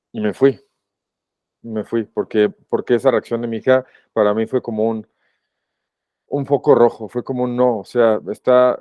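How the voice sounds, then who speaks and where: Low-voiced Mexican man, halting and reflective. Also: clean tone, no echo, muffled recording. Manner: reflective, halting and emotional, often pausing to rephrase. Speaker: podcast guest. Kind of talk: personal testimony in a podcast interview.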